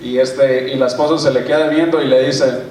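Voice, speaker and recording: Joking preacher in an echoey church. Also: male voice, medium pitch, a little fast, distant mic, slight background noise. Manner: lively, joking preacher who involves the congregation. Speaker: pastor. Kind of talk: sermon with humorous stories. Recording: echoey church hall, mic from afar.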